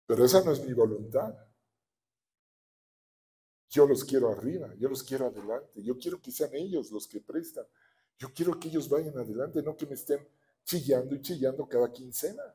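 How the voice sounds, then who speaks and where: A man's voice: medium pitch, moderate pace, warm tone, lightly acted. A man with a Mexican accent voicing God as a patient, loving male figure in a sermon. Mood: gently insistent. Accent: Mexican Spanish.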